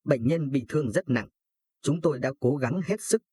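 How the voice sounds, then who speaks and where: Man doing a hesitant, apologetic female nurse, husky. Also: mid-range voice, moderate pace, dark tone, dry recording, natural voice. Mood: sorrowful. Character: sorrowful female hospital nurse.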